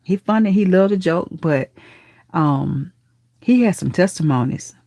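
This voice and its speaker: A woman's voice: fairly low pitch, animated, measured pace. Churchy auntie woman on a live stream. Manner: warm affectionate auntie talk, calls viewers baby and honey; churchy, speaks of God and blessings. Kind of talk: casual live chat reading comments.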